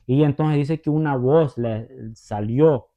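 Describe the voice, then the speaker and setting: Speaking slowly in a dark tone at medium pitch, a preacher delivers a conversational Bible teaching through tinny, phone-like audio. He retells stories with acted-out voices and checks in with his audience through frequent tag questions.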